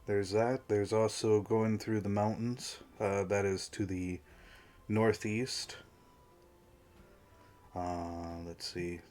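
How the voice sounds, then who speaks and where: Man, game master, fairly low voice, halting, lots of ums, clears his throat, voice going a bit hoarse. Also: steady tone, darkish tone, soft background music. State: losing his voice. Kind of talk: running a tabletop game.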